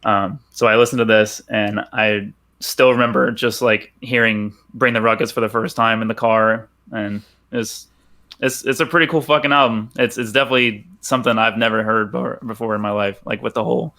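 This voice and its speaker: A man's voice: lowish voice, steady tone, fairly quick, sharp tone. A young man co-hosting a podcast in casual chat, laid-back with lots of fillers and some swearing. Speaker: podcast co-host.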